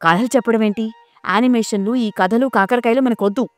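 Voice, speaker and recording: Woman doing a shrill scolding mother. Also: no echo, faint music behind, natural voice. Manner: shrill scolding, rapid complaints. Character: nagging scolding middle-aged mother, quick-tempered.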